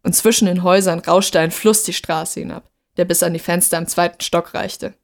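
Woman narrating a story, lowish voice. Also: fairly even intonation, moderate pace, gravelly.

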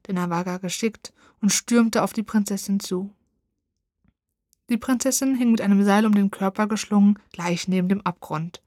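Woman, storybook narration, dramatic, expressive, mid pitch, dry close sound. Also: no room sound.

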